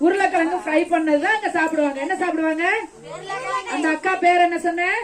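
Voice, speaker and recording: A high-pitched woman tells a Bible story to a group of children. She peppers them with questions and coaxes them fondly as she goes. Children's chatter fills the background of this outdoor recording. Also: steady tone, fast talker. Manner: keeps asking the children questions and answering them; coaxing and affectionate with the children. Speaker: children's ministry teacher. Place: outdoors during rain. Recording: children's chatter all around.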